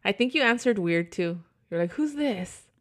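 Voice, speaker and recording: A woman's voice: lowish voice, fairly quick. A woman hosting a podcast in casual chat, rambling and swearing freely as she tells a story. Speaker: podcast host.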